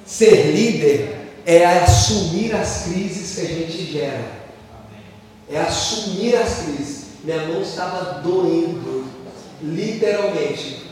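High-voiced Brazilian pastor in an echoey hall. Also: male voice, takes it slowly, far from the mic. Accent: Brazilian Portuguese. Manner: animated, joking personal anecdotes. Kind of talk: storytelling sermon.

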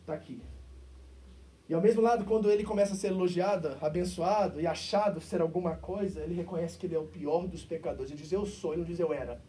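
A man with a Brazilian accent preaching a sermon as pastor, moving between loud, emphatic stretches and quiet, intimate asides. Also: a little high, fast talker, recorded from a distance. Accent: Brazilian Portuguese. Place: church service.

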